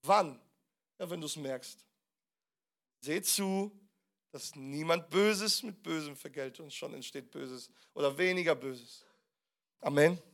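A man preaching a sermon as pastor, asking the congregation questions and stressing key words loudly. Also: on the high side, takes it slowly, pauses often. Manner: preaching with sudden loud emphasis and rhetorical questions.

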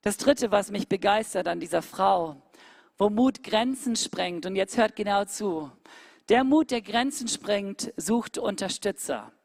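Eine Frau hält eine emphatische Predigt und senkt dabei oft abrupt Tonhöhe und Lautstärke. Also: female voice, expressive, unhurried, creaky, darkish tone, no echo, clean studio sound. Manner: emphatic, with sudden drops in pitch and volume. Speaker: preacher. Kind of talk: sermon.

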